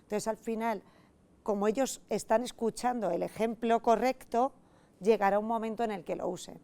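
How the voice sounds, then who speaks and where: Woman, gravelly dark voice, calm advice on a panel. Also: fairly high pitch, moderate pace. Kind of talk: casual panel chat.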